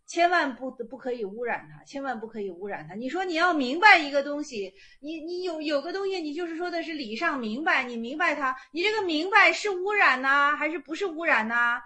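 A woman's voice: high-pitched, lively intonation, a little fast, few pauses, sharp tone. A woman giving an informal online lecture as a Buddhist meditation teacher, often repeating her phrases and growing emphatic as she explains.

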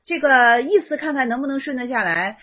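A woman's voice: sits high, animated, a little fast. A woman giving a Buddhist dharma talk, explaining a Chan text in casual speech and often repeating and restarting phrases. The recording sounds dull and lo-fi.

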